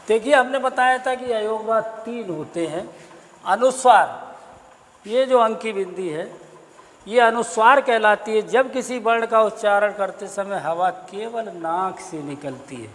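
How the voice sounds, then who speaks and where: A male Hindi teacher giving a slow, deliberate grammar lesson, spelling sounds out one at a time. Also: sits high, a bit bright, big-room sound, a little hiss or hum. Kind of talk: classroom-style explanatory lesson.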